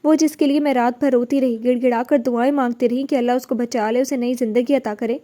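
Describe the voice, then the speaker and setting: A woman's voice: a little high, fairly even intonation, mellow, lightly acted. A woman reading a story aloud, voicing a young wife crying out her pain and her accusations. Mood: distraught. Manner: distraught, accusing. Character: young wife, shattered by betrayal.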